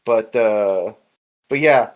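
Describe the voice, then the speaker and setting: A podcast host with a lowish voice speaks very slowly in a casual chat about a webcomic. He rambles informally and uses lots of filler words.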